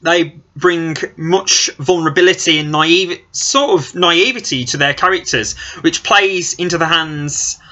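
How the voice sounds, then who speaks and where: A man's voice: a little high, unhurried, hardly any pauses, bright, forceful tone. A young man giving a casual film review from a small office, talking earnestly with frequent "I think" hedges into a webcam. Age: young adult. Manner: earnest, gesturing as he talks, many "I think" hedges. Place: small cluttered office indoors. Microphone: built-in webcam mic at desk distance. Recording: dull lo-fi webcam audio.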